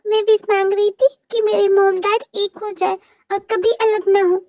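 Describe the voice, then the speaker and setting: This is a woman voicing an earnest little girl in a fan-made audio drama. Her voice is pitched very high and sounds open and innocent. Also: level tone, normal speed, no room sound, lo-fi sound.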